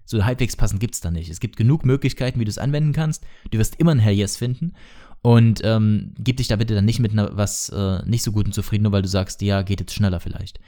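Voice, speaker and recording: Chatty guy teaching, talks quick, a bit low, keeps fixing what he just said. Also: mellow. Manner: chatty, self-correcting, peppered with English marketing terms. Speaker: podcast host teaching sales copywriting. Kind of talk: casual solo lesson.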